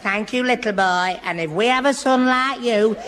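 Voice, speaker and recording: A man's voice: extremely high pitch, normal speed, a bit bright. A man playing a bumbling, stammering young fiancé in 1950s radio comedy, heard on an old broadcast recording. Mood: flustered. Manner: stammering, muddled and tongue-tied. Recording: hissy old broadcast with long hall reverb.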